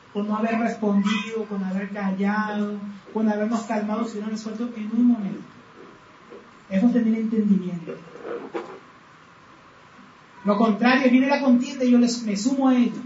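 A man preaching a sermon earnestly, asking rhetorical questions and slowing down to read scripture aloud. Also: extremely high pitch, a little mellow, slight background noise. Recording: roomy, distant, dull sound with faint background.

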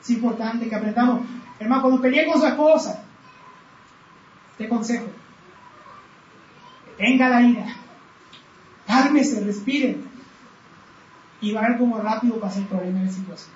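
Earnest male preacher, rhetorical questions, slow measured scripture reading; roomy, lo-fi recording with faint background noise. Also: extremely high pitch. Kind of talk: sermon. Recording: roomy, distant, dull sound with faint background.

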